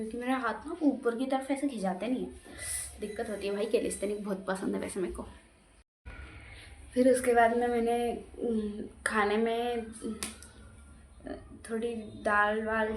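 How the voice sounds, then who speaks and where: A woman's voice: fairly high pitch, a little mellow. A young woman casually recounting her day in a rambling, repetitive vlog style. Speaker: vlogger. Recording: echoey room with faint background noise.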